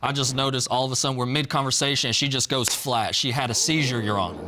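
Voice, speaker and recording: A man's voice: mid-range voice, quick pace, bright, forceful tone. A man giving earnest testimony as a plaintiff in a TV court.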